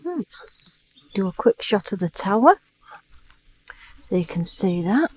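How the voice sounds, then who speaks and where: A woman narrating a casual travel vlog, chatty and often dropping to a hushed whisper. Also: mid-range voice, very animated, unhurried, a little hiss or hum, poor audio. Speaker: travel vlogger. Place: old village church and campervan.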